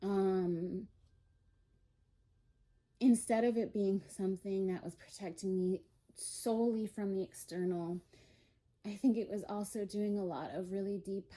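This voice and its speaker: A woman's voice: mid-range voice, dark tone. A young woman giving a spiritual tarot-style reading, rambling and emotional, with many fillers. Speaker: tarot reader.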